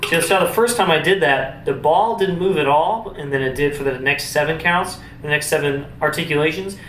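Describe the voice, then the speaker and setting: A man's voice: fairly high pitch, fairly quick, fairly bright tone. A man giving a casual, explanatory music lesson to camera, informally thinking aloud as he instructs. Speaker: brass instrument teacher demonstrating warmup exercises. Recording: roomy, distant mic with faint noise.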